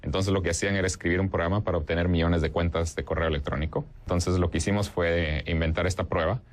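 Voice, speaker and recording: A man's voice: deep voice, fairly even intonation, fast talker. A young man from Guatemala, answering interview questions in a hesitant way, with many fillers and restarts. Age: young adult. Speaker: interview guest.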